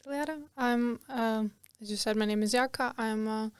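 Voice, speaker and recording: Young woman from Croatia, guest; smooth, even delivery, chatty with frequent laughs. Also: on the high side, normal speed, no room sound. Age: young adult. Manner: chatty, laughs often, many fillers. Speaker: podcast guest. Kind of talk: casual interview.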